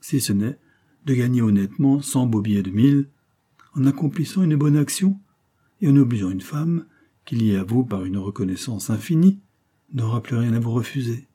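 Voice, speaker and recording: A man's voice: medium pitch, lively intonation, normal speed, dark tone, slightly rough. A man reading an audiobook, voicing a scheming, seductive adventuress who coaxes and wheedles. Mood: coaxing. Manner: coaxing, wheedling.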